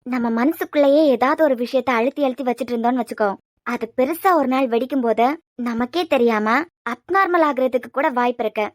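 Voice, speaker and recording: A woman's voice: high voice, fast talker, no room sound, studio quality, close to an everyday voice. A woman voicing a shrewd, teasing middle-aged mother in a cartoon serial, speaking with a Kanyakumari Tamil accent in a motherly, probing way. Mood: coaxing.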